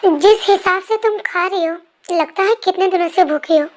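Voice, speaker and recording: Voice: very high voice, normal speed. A performer voicing a stern young male school principal who scolds curtly, in an amateur fan dub voice-over. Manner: curt, scolding.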